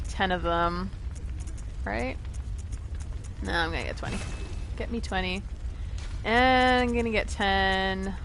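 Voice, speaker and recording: A woman's voice: mid-range voice, a little hiss or hum. A woman game streamer chatting casually and expressively while commenting on her live gameplay in an informal way.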